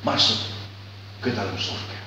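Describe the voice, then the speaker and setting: A male pastor delivering a storytelling sermon, swinging between loud calls and quiet reflection. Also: a little slow. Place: church hall. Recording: echoey church hall, far mic, faint hum.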